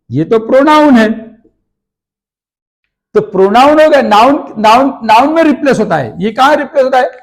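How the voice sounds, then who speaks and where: High-voiced man teaching grammar. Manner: repeats questions and answers them himself, slow drawn-out examples. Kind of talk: explaining grammar at a board.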